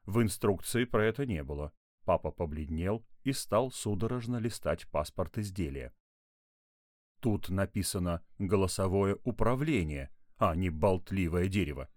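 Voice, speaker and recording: A man narrating a playful children's tale in an expressive way. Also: sits low, moderate pace, no room sound, studio quality. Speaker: storyteller.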